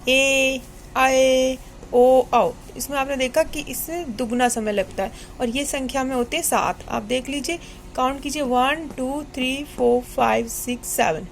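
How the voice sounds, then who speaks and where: A woman teacher gives a children's Hindi grammar lesson in a high, clear voice. She goes slowly and patiently, repeating each point and asking her pupils questions. Faint background noise sits under the recording.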